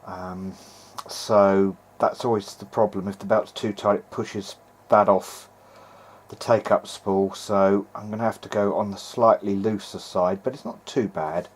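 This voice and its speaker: Talking in a lowish, fairly even voice without rushing, a vintage hi-fi hobbyist narrates his own repair video. His video-diary style is informal and hesitant, half muttering to himself as he works with his hands.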